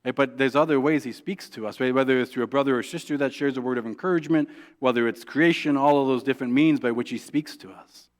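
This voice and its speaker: A male pastor preaching a sermon in a conversational way, often asking "right?" and restarting his sentences. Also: medium pitch. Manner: acts out quoted prayers in a soft, hushed voice; halting restarts and repeated words.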